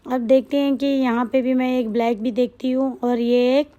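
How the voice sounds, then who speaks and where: A high, mellow-toned woman talks through a casual vlog voice-over. Her throat is hoarse from a cold, and she rambles chattily, circling back to the same points again and again. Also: little pitch movement, normal speed, lo-fi sound. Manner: chatty, rambling, repeats herself. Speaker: shopping vlogger.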